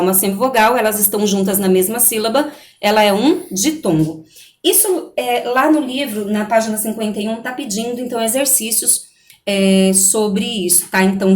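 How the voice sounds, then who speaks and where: A woman teacher giving a recorded online lesson to young students, patient and explaining step by step, checking in often with the class. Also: medium pitch. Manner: patient, repeats "né?" and "tá certo?" often. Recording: echoey room.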